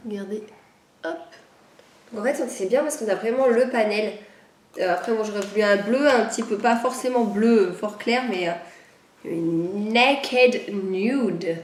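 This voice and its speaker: Casting note: woman vlogger, a bit higher voice, slightly nasal, chatty and hesitant, in an echoey room. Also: moderate pace, darkish tone. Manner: rambling, hesitant, many fillers. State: recovering from a cold. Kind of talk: casual chat.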